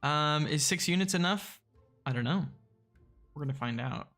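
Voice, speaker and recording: Gravelly, easygoing male game streamer. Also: a little high, moderate pace, fairly bright tone, faint music behind. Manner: easygoing, chuckling, hesitant with many fillers. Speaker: game streamer playing the strategy game. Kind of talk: casual live-stream gameplay chat.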